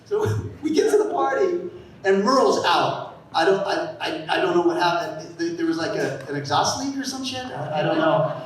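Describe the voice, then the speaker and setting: Stand-up comic, man, fifties, high voice, rambling anecdotes, heard from afar in a roomy club. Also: expressive, moderate pace, a little hiss or hum. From San Francisco Bay Area. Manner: rambling storytelling with bursts of shouted character voices. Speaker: stand-up comedian. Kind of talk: stand-up set. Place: comedy club stage. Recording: echoey club sound from a distant mic.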